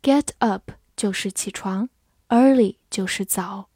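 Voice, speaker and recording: Slow, mellow-voiced woman teaching English words. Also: medium pitch, slightly rough, no echo, studio quality. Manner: spells words out letter by letter, reads example sentences slowly. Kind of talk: vocabulary lesson.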